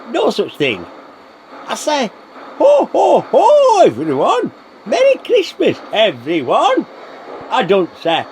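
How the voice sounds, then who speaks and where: A man's voice: high voice, slight background noise, full character voice. A man playing a flustered, blustery old Santa Claus in a radio play. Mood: blustering.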